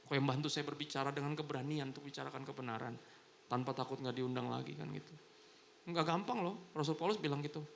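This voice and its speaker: In a hotel ballroom where church is held, a man preaches with a slightly high, gravelly voice, talking fast. He narrates stories in an animated, conversational way, voicing each person he quotes, and a bit of hiss or hum is audible.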